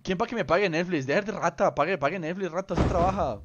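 A young man streaming a game, his voice sitting a little high for a man. He talks in loose slang and teases the people he plays with. A faint hiss sits under his voice. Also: quick pace, lo-fi sound. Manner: slangy, teasing, greets viewers by name. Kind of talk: casual live-stream chat.

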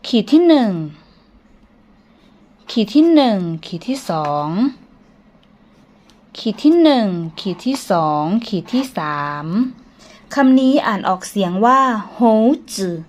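A woman's voice: fairly high pitch, lively intonation, slow, pauses often, a little mellow. A woman teacher counting strokes aloud in a patient, sing-song way for young children. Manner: polite, coaxing teacher talk.

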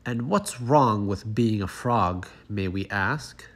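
A man's voice: on the low side, lively intonation, slow, fairly bright tone, exaggerated voice. A man voicing indignant, bewildered pond frogs in a children's storybook, exclaiming in an affronted way.

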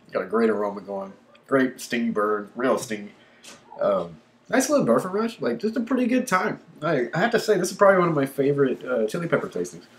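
A man with an easygoing drawl rambles through his vlog, full of ums and likes. He keeps puffing and sighing as the heat builds, and his voice sits at an ordinary middle pitch for a man. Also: fairly bright tone. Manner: laid-back, rambling, lots of ums and likes. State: panting and sighing from chili burn. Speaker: pepper-tasting vlogger. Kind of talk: casual unscripted vlog.

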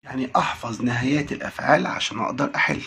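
A man with an Egyptian Arabic accent, teaching an English lesson and repeating words slowly for drilling. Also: medium pitch, gravelly, sharp tone, husky. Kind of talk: classroom lesson recording.

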